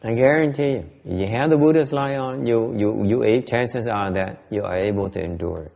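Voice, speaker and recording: Gravelly-voiced man teaching with laughs. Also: mid-range voice, normal speed, darkish tone. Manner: repeats his words, laughs, switches between two languages. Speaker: Buddhist teacher. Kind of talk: bilingual dharma talk.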